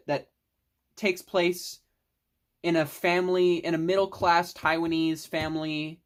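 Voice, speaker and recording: A young adult vlogger giving a casual, rambling film review monologue, enthusiastic, with mild swearing. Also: mid-range voice.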